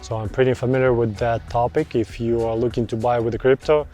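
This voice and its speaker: A Russian real estate broker in his thirties answers viewer questions in accented English, relaxed and chatty, often repeating words for emphasis. His mid-range voice moves fairly quickly over soft background music.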